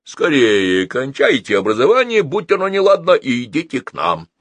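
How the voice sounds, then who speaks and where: A man voicing a hearty sailor who speaks up loudly and bluffly. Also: medium pitch, wildly swooping pitch, moderate pace, dry recording, pitched above the performer's own voice.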